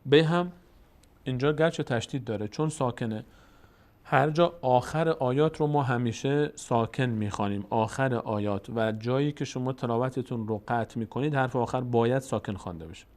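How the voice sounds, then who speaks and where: Male recitation teacher, Tajik-influenced Persian accent, middle pitch; quick rule explanations alternating with slow, stretched example words. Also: a little mellow. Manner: explains rules quickly, then draws out example words slowly.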